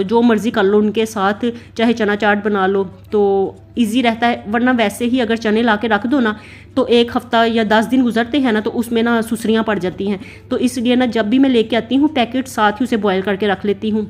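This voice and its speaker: A medium-pitched, darkish voice comes from a vlogger mother from Pakistan, in her thirties, giving an easygoing voice-over on her home cooking and routine. She rambles and fills pauses with plenty of "na," and the narration was recorded on its own.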